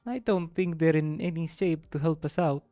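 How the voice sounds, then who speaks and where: A man voicing a young woman from a game, with a deliberately clumsy mock Russian accent and a raised voice. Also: a little high, warm tone, soft background music, pitched above the performer's own voice, lightly acted. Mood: hesitant.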